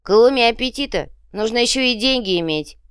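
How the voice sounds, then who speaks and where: A sly male goblin schemer who lectures and sneers at his friends, acted by a woman. His voice sits high and loud, rising and falling with relish. The recording is close, dry and clear. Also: very animated, moderate pace, no echo. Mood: sneering.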